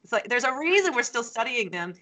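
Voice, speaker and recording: A woman hosting an academic interview, a sociology teacher who talks with enthusiasm and animated asides. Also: on the high side, a little fast, a loud crowd. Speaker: podcast host, sociology teacher.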